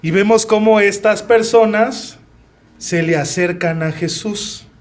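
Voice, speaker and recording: High-voiced Mexican preacher, slow and earnest. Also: male voice. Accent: Mexican Spanish. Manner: earnest and personal, asks the congregation rhetorical questions. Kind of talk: sermon.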